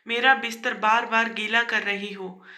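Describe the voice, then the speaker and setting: A woman's voice: a little high, fairly even intonation, unhurried, pushed and bright. A woman voicing an irritable, short-tempered grown son who snaps in exasperation, in a storybook tale. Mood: irritated. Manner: snapping, exasperated.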